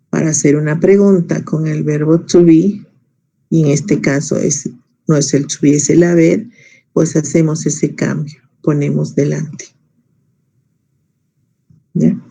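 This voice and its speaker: A man's voice: fairly high pitch, steady tone, slow pace, gravelly, long pauses, dark tone. A man teaching an English grammar class in Spanish, explaining patiently step by step and quizzing his students.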